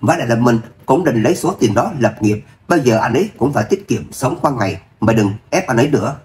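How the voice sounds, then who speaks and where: A man voicing a dutiful young wife who pleads softly with her mother, in an audio novel reading. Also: medium pitch, expressive, fast talker, slight background noise, close to an everyday voice. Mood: pleading. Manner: soft pleading. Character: gentle dutiful young wife torn between family.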